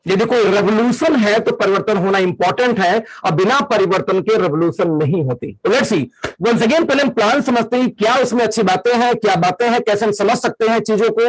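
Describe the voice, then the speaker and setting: A man with a fairly high voice runs a live online business meeting over a computer mic. He talks in an upbeat way and slips English phrases into his Hindi. The sound is dry and close, with no room echo. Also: a little fast, breathy edge. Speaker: business presenter. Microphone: computer mic in a video call.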